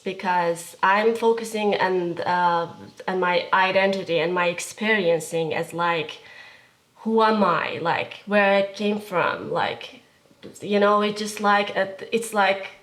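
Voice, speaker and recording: A young woman from Iran's Kurdistan region is interviewed casually in an art studio as a visual artist. Her mid-range voice moves slowly and hesitantly, full of fillers as she searches for words, and the recording is rough.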